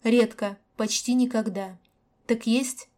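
A woman's voice: on the high side, fairly even intonation, slow, darkish tone. Woman voicing a curt, dry-toned man. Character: reserved adult man, dry terse lover.

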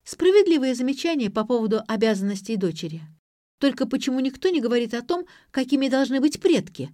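A woman's voice: medium pitch, lively intonation, a little mellow, no echo, clean studio sound, lightly acted. A woman putting on a sarcastic young student girl. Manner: mocking, quick retorts.

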